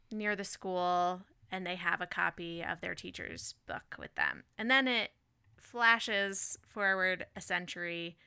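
Bright, crisp-voiced woman chatting about books. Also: medium pitch, no room sound, clean studio sound. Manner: enthusiastic, laughs often. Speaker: podcast co-host. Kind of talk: casual book chat.

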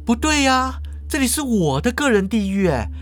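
A man's voice: very high-pitched, sing-song, moderate pace, fairly bright tone, a little hiss or hum, voice pushed up, full character voice. A man voicing a scornful, bossy ghost of a woman store clerk in a storybook tale. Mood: urgent.

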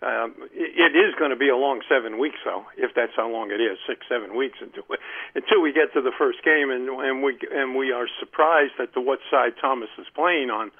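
A man's voice: medium pitch, brisk, breathy edge. A man from Maryland calling in to a radio show over the phone, talking hesitantly with many restarts. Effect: phone call. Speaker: caller. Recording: tinny phone line.

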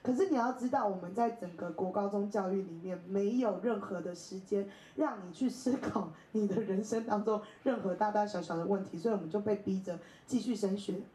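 A woman's voice: medium pitch, a little fast, hardly any pauses, echoey room, slight background noise, low-quality recording. A woman in her thirties from Taiwan, speaking, tells personal stories at a bookstore talk, often laughing and acting out other people's voices. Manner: animated, laughs often, acts out quoted voices. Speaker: invited speaker. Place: bookstore event space.

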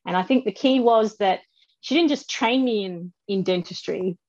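A woman's voice: mid-range voice, normal speed, darkish tone, no echo. Australian woman, dry and slightly dull sound. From Western Australia. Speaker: podcast guest, dental professional. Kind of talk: casual interview storytelling.

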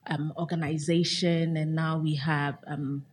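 A woman with a low voice answers interview questions in an unhurried, thoughtful way. Her speech is broken by pauses and small fillers. A faint ambient noise sits behind her. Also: little pitch movement. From Ghana. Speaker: guest. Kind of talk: interview conversation.

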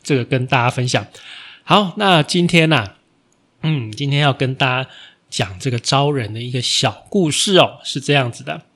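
A man's voice: mid-range voice, animated, normal speed, a bit bright. A man, a podcast host telling a casual story with lots of fillers and sentence-final particles. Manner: acts out his own stern scolding in a raised voice.

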